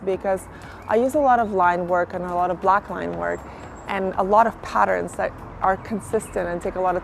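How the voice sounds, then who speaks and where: A woman's voice: mid-range voice, creaky. A woman from Kazakhstan, an artist, talking reflectively about her work in an interview, with many "sort of" and "like" fillers. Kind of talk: interview monologue.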